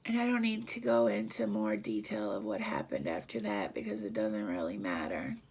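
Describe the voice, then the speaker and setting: A woman vlogger telling a personal story in a halting, emotional way, often dropping to a near whisper. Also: rumbling low, expressive, creaky, a little mellow, husky.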